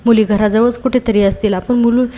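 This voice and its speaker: A woman's voice: on the high side, steady tone, fairly quick, warm tone, natural voice. A woman voicing a worried young wife from a TV serial, anxious and pleading.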